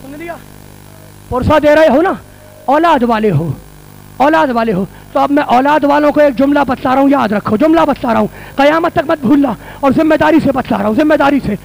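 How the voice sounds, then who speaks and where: A man preaching a fervent mourning sermon in a mosque hall, his voice pitched strikingly high and edged with gravelly fry. He drives his points home by repeating each phrase, pressing the crowd toward tears. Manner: repeats phrases for emphasis, builds to cries. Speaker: religious scholar addressing mourners.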